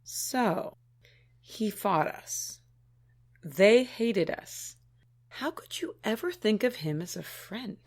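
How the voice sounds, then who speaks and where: A woman's voice: medium pitch, animated. A woman voicing a prim, skeptical female alien shipmate with a disdainful manner in an audio drama. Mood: doubtful. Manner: disdainful, prudish, slow deliberate delivery.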